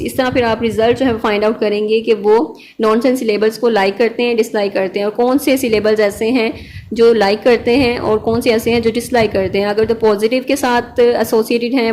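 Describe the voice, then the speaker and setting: A woman's voice: on the high side, darkish tone, a little hiss or hum. Patient tutor woman. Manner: patient, checks in with "okay" and pauses on fillers; mixes English terms into her speech. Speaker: online tutor. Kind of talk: explanatory lecture on a lab practical.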